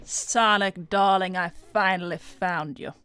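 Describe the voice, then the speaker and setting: A woman's voice: on the low side, measured pace, fairly bright tone, clean tone. Breezie, gushing glamorous hedgehog, played by a woman. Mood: flattering, coy. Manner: gushing, theatrical, formal phrasing. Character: Breezie, flirtatious, smooth-talking glamorous female cartoon hedgehog. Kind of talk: improvised in-character livestream role-play.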